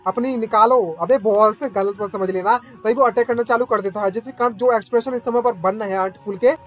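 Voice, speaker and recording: A man narrating an anime recap in a casual, excitable way, with slangy joking asides. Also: high-pitched, fast, soft background music.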